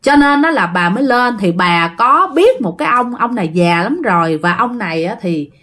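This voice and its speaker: Speaking at a moderate pace with lively intonation, a woman tells a ghost story in a relaxed, chatty way and addresses her audience directly. She has a Southern Vietnamese accent and a medium-pitched, slightly bright voice.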